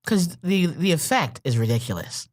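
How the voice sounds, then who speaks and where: Lowish voiced woman co-host, swoops up and down a lot, jokey. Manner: expressive, joking, quick interjections. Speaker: podcast co-host. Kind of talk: casual podcast chat.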